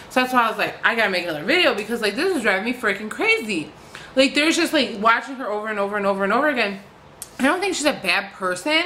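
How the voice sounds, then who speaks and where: A woman's voice: fairly high pitch, pushed and bright, slight background noise, low-quality recording. A woman vlogger ranting casually to camera, frustrated, swearing freely and filling her talk with "like".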